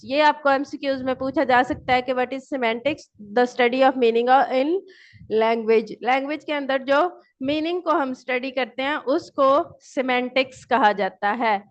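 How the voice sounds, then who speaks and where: A woman lecturing with a high voice, who keeps posing questions to the class and then answering them herself. She reads each definition at an unhurried pace. The recording sounds dull and lo-fi. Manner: switches between English and Urdu; reads English definitions slowly. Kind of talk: online lecture.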